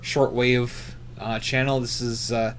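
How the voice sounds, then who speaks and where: Here a hobbyist channel host talks loosely and without a script, meandering and pausing to correct himself. His medium-pitched voice barely rises or falls, and some slight noise sits in the background.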